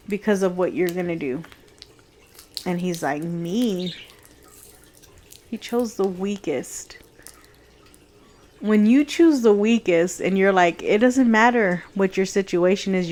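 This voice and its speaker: Earnest woman vlogger, soft and heartfelt. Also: on the low side. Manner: earnest, heartfelt, softly reflective with bursts of laughter. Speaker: vlogger sharing a faith journey. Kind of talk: personal vlog talk.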